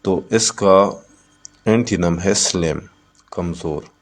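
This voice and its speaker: A man's voice: low-pitched, slow. A man teaching a textbook lesson. He reads English lines and then explains them in Urdu, repeating words as he counts syllables.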